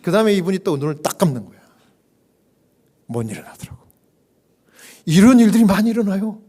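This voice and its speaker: A pastor with a fairly high voice preaches in a church. He tells a story with animation and plays the people in it. At solemn moments his voice sinks to a hushed whisper. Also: fairly quick. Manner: animated storyteller who acts out quoted voices. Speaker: pastor and hospital chaplain. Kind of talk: sermon storytelling.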